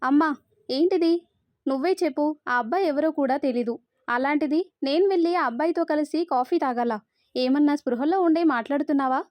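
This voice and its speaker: Woman narrator doing a headstrong young bride, high voice, dry sound, scheming, storybook. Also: a little fast, a little mellow, dry recording, close to an everyday voice. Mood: indignant.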